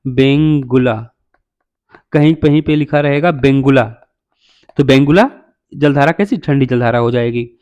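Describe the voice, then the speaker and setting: A man teaching a geography lesson from a map in a fairly high voice, asking his students a question and then answering it himself. He runs through every item by number over and over and calls the listeners brother. The close mic sounds dry, with no room echo. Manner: repetitive, drills names by number.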